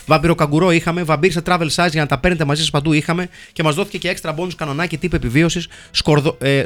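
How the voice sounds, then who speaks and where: A man hosting a comedy show, reading listener film reviews in a wry, mock-solemn deadpan. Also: a little high. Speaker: host reading listener comments.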